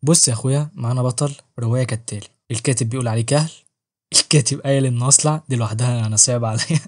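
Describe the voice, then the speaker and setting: A man's voice: medium pitch, very fast, a little mellow. A man with an Egyptian Arabic accent reviewing a novel in a joking, slangy, self-mocking way. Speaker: book reviewer and channel host. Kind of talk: casual book review vlog.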